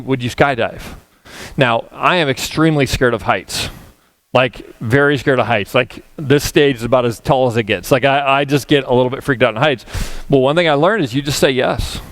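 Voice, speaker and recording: Smooth-voiced man telling a funny story. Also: medium pitch, a bit bright, no echo. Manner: humorous, self-deprecating storyteller. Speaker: guest pastor. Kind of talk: conference sermon with storytelling. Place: church stage before a live audience.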